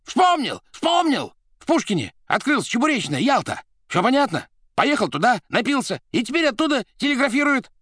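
A man voicing an excitable, fussy male theater administrator who stammers and speaks up eagerly. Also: mid-range voice, fast talker, husky, dry recording, studio quality, voice pushed up. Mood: excited. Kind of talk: audiobook character voice.

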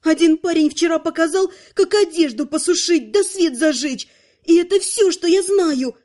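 A woman's voice: very high voice, moderate pace, a little mellow, pitched above the performer's own voice. A woman voicing a tearful, upset young female student witch in an audiobook. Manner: upset, near tears.

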